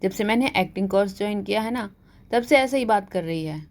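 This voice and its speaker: A woman's voice: medium pitch, animated, fairly quick, a little mellow, lightly acted. Woman playing young college guy, huffy, irritated, storybook. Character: touchy young male college student, easily annoyed.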